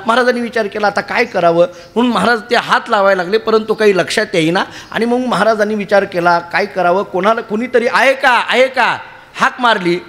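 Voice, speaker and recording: High-voiced preacher man in a reverberant hall. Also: fairly bright tone. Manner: chatty, humorous, asks the audience questions. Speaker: kirtan preacher. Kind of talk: sermon storytelling.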